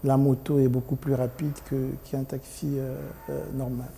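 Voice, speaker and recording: A man's voice: mid-range voice, flat delivery, normal speed, vocal fry, dark tone, slight background noise. A man in his forties from Congo, a company director answering interview questions hesitantly, with many ums and restarts. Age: 40s.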